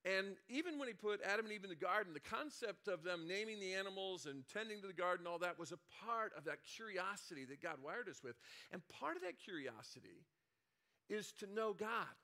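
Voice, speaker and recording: Bright-voiced man preaching conversationally. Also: high-pitched, expressive, a little fast. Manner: conversational storytelling, many restarts and asides. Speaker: senior pastor. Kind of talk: sermon with personal story.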